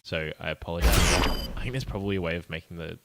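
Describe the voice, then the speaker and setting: A man's voice: deep voice, fast, vocal fry, heavy background noise. A young man streaming as an indie game developer, muttering and thinking aloud in a casual, apologetic way. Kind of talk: casual live-stream chat while coding.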